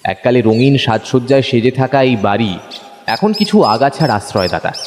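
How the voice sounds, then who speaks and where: A man with a mid-range, everyday-sounding voice narrates in the first person as a detective's observant, curious companion in a dramatised audio story. He speaks at normal speed with lively intonation, in a storytelling mood, with long hall reverb and faint background noise.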